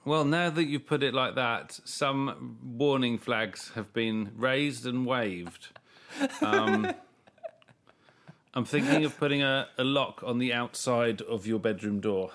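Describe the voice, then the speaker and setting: A podcast co-host with a mid-range, fairly bright voice speaks slowly in casual chat, mock-enthusiastic and sarcastic. He's coming down with a cold and coughs at times.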